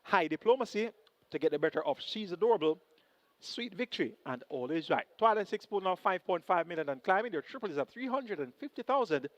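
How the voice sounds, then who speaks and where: Male racing tipster, Jamaican accent, higher register, previewing runners, dry but dull recording. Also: animated, fast talker, dry recording. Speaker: horse racing analyst. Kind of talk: race preview commentary. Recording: dull, band-limited broadcast audio.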